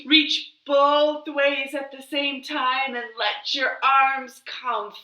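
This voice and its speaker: A library storytime host reads aloud to young children from her living room, keeping her language simple and expressive. She speaks slowly in a high voice with little pitch variation, sounding pushed and bright, and the room gives a roomy home echo.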